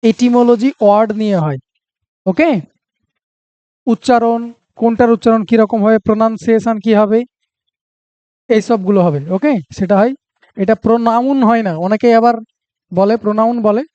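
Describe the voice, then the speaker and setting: A man's voice: sits high, moderate pace, long pauses, dark tone, smooth, dry recording, muffled recording. A man with a Bengali accent teaching a reasoning lesson for exam prep, talking through each step aloud and checking that students follow.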